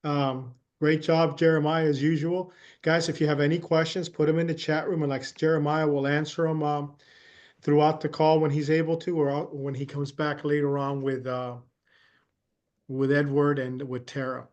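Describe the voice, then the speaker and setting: A man's voice: a little high, level tone, moderate pace, darkish tone. A man hosting a webinar, introducing the next speaker in a casual, friendly way over a video call. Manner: casual, friendly, filler-heavy. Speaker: webinar host. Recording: dull video call audio.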